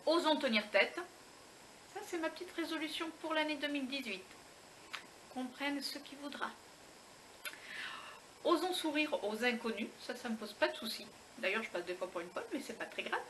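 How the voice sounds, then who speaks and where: Bright, chatty French woman vlogger. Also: sits high, lively intonation, moderate pace, a little hiss or hum, low-quality recording. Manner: chatty, exclamatory, many fillers and restarts. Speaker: beauty vlogger. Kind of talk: casual unboxing chat.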